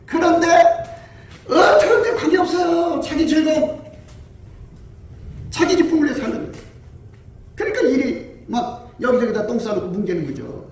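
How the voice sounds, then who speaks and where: A man preaching a sermon as a pastor, animated, laughing often and acting out little dialogues. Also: extremely high pitch, moderate pace, pauses often. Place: church hall. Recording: echoey hall from far off with faint noise.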